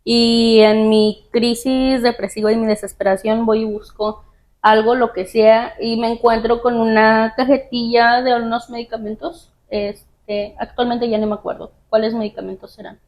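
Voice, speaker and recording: Woman telling her story, soft and halting, slightly high voice. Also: little pitch movement. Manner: soft, hesitant, many pauses and fillers. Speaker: guest sharing her testimony. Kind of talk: personal testimony in conversation.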